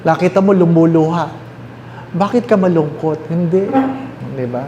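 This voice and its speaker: Filipino priest guy preaching, slightly high voice, roomy echo, faint hum behind. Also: dark tone. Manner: mixes English and Tagalog, asks the listeners questions; repeats key phrases slowly. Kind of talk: sermon.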